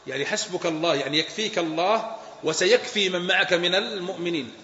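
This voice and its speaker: Sheikh giving a creed lesson, talks super fast, echoey hall, muffled sound. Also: male voice, high-pitched, pushed and bright, slight background noise. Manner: fast, emphatic, with asides and laughs. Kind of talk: religious lesson with student questions.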